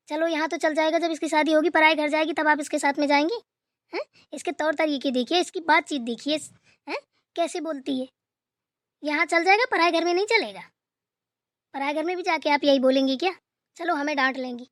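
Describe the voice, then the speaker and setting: A woman's voice: high voice, a bit bright, no room sound, studio quality. A woman voicing a strict middle-aged mother in a cartoon who lectures her daughter and mother-in-law. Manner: lecturing, preachy.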